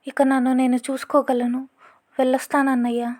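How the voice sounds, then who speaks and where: A woman's voice: sits high, flat delivery, normal speed, darkish tone, lightly acted. A woman voicing a grieving young widow who speaks with restrained sorrow in an audio story. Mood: sorrowful.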